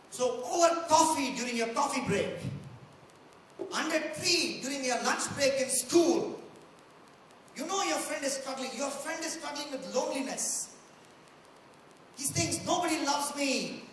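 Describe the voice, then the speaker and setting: Indian guy preaching, emphatic, high voice, roomy hall sound, bit far off with faint noise. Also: fairly bright tone. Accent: Indian English. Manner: emphatic, acts out quotes with raised pitch. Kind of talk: sermon. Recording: echoey hall, mic at a distance.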